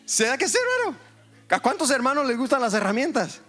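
A male pastor preaching a lively sermon in a church, joking with the congregation and calling for amens. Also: very high voice, fairly quick, faint music behind. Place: church hall.

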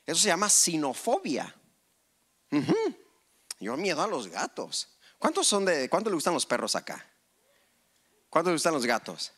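A man preaching a lively sermon in church, asking the congregation questions and acting out quotes. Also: a little high, normal speed, long pauses, slightly rough. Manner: animated, asks the crowd, acts out quotes.

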